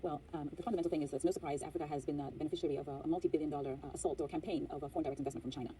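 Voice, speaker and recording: Young Zambian-born economist guest, quick measured delivery full of fillers, dark low voice, distant mic with faint hiss. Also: female voice, steady tone. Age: young adult. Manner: articulate, measured, frequent um and uh. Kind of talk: interview answers.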